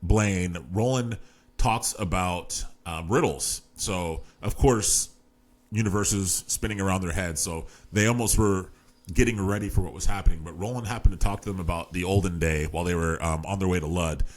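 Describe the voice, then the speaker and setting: A man's voice: low voice, moderate pace. A man hosting a casual podcast, retelling a book's plot with many fillers and restarts. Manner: rambling, lots of fillers and restarts. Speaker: podcast host. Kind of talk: casual book discussion.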